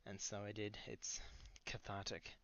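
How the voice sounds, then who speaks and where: Deadpan mock-solemn man, low and lo-fi. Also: measured pace, vocal fry. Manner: grandiose, deadpan earnestness with sudden shouted outbursts. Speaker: comedic monologue performer. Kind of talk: mock-solemn dramatic monologue. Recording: dull lo-fi recording.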